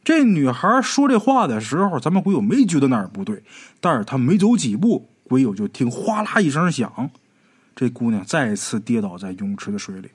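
A man narrating a ghost story in a dramatic, animated storytelling manner. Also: medium pitch, normal speed, husky.

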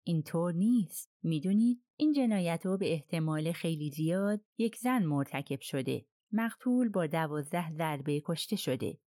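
A woman's voice: lowish voice, expressive, hardly any pauses, mellow, dry recording, clean studio sound, close to an everyday voice. A woman reading the part of a persistent foreign detective in an audiobook, probing with polite persuasion. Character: persistent foreign detective questioning witness, man.

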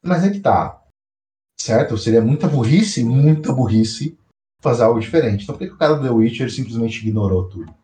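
A man co-hosting a podcast in casual chat, slangy and animated, often repeating himself. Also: medium pitch, fairly quick, reverberant, a little hiss or hum. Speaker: podcast co-host.

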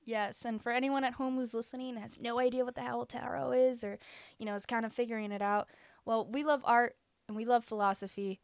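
A woman co-hosting a casual podcast, bubbly and quick to laugh. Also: fairly high pitch, dry recording. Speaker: podcast co-host.

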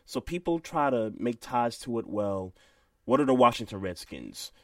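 A man's voice: medium pitch, very animated, moderate pace, no room sound, studio quality, distant mic. A man co-hosting a casual discussion podcast, agreeable and often stammering as he restarts his sentences. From United States. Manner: agreeable, stammering restarts, reads listener comments aloud. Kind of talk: casual debate chat.

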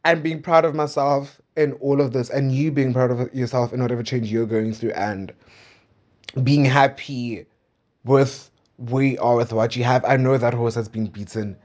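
A man in his twenties from suburban Centurion, South Africa, whose first language is Pedi, hosts a diary-style podcast, chatting casually and candidly with playful asides in a confessional monologue. His medium-pitched voice is steady and darkish at a normal speed, and the recording sounds muffled.

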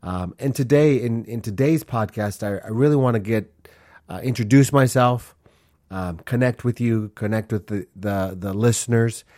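On a casual solo podcast, a man in his forties who was born in Honduras and grew up in Minnesota talks earnestly and rambles, with plenty of fillers and restarts. His voice is on the low side and dark in tone, at a normal speed. The studio-quality recording has no echo.

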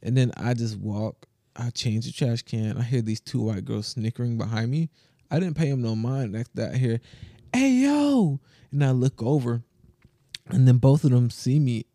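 A young man co-hosts a casual podcast and tells a loose, wandering story, restarting his sentences and laughing as he goes. His voice is mellow and dark, at an ordinary pitch. The sound is dry and close, with no room echo. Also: normal speed. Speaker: podcast co-host. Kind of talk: casual chat.

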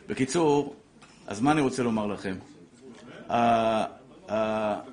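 A middle-aged man teaching a religious lesson, telling stories with feeling and acting out the quotes. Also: medium pitch. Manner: animated storyteller, acts out quotes, grows emotional. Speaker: rabbi teaching a Torah class. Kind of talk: emotional religious lesson with storytelling.

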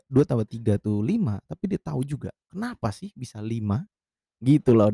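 A man's voice: slightly rough, no room sound, clean studio sound. A man telling a story in casual slang, acting out quoted lines and sounding exasperated. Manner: animated, acts out quotes with raised pitch, exasperated.

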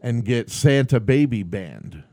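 A man's voice: medium pitch, animated, unhurried, a little mellow, no echo, studio quality. A man hosting a live podcast, telling stories animatedly and laughing often in casual chat. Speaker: podcast host.

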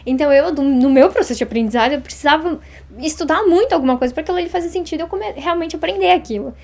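A woman in her thirties from Brazil, chatting as an interview guest, talking fast and acting out little quoted exchanges. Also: high voice, vocal fry, a little mellow. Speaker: interview guest, Japanese teacher. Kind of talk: casual interview chat.

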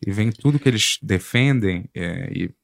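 Um homem com sotaque brasileiro numa conversa descontraída, contando casos e deixando as frases morrerem baixinho. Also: male voice, on the low side, expressive, normal speed, gravelly, dry recording. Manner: chatty, storytelling, trails off softly. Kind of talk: casual chat.

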